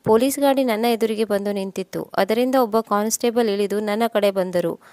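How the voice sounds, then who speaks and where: Woman calmly narrating a story, dry close sound. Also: medium pitch, normal speed, no echo. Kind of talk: scripted first-person story narration.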